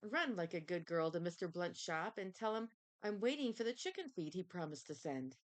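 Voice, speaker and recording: Woman reading as a hurried storybook uncle. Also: fairly low pitch, animated, natural voice. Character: hurried farming uncle, man.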